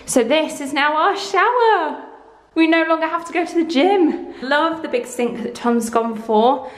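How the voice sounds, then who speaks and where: A woman in her twenties giving a chatty, excitable house-tour vlog of her renovated bathroom, filmed on a handheld camera. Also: a little high, background noise. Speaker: vlogger. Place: empty bathroom under renovation, indoors. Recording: echoey bare room.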